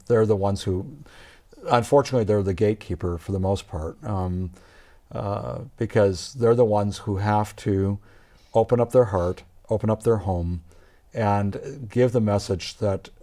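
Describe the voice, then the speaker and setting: Low, mellow pastor. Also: male voice. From Canada. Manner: earnest, with constant brief agreement sounds. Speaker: pastor and guest. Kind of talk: conversational interview.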